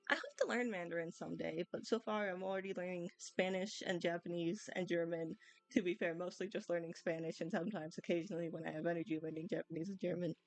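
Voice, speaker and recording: A woman's voice: lowish voice, steady tone, quick pace, dry recording, rough recording. A young woman doing casual live gameplay commentary in a chatty, rambling way, often saying "like". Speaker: game streamer.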